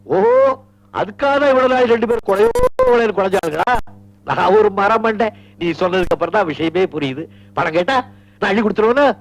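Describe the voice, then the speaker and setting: A gravelly, teasing father. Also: sits high, sing-song, fairly quick, heavily acted, poor audio. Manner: playful, theatrical scolding. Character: indulgent, teasing father of grown daughters. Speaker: film actor. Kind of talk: 1980s film dialogue.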